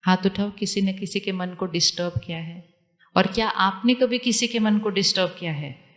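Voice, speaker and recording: A woman giving a spiritual talk to a live audience, calmly repeating questions to her listeners. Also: medium pitch, moderate pace, in a large hall. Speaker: spiritual teacher.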